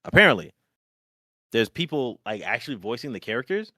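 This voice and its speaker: Casual podcast host, man, animated intonation, filler-heavy, dry close mic. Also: a little fast, slightly rough, no room sound. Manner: rambling, full of filler words, lively pitch. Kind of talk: casual chat.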